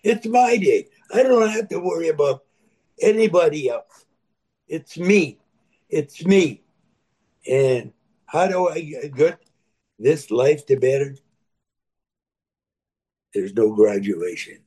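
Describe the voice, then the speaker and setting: A man's voice: a little high, lively intonation, slow pace, long pauses, husky. A man in his eighties sharing his recovery story, speaking plainly and earnestly, repeating himself for emphasis. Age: 80s. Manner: plain-spoken, swings between loud and soft. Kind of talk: personal testimony.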